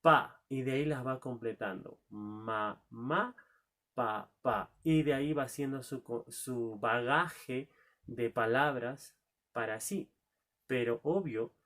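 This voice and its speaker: A man's voice: medium pitch, a bit bright. A man teaching a recorded lesson, asking rhetorical questions and answering them himself, drawing out key words. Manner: drawn-out stressed key words.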